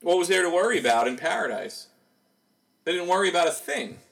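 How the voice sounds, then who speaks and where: A man's voice: high-pitched, sing-song, a little fast, a bit bright, poor audio. A man preaching a sermon in a conversational way, asking rhetorical questions as he goes.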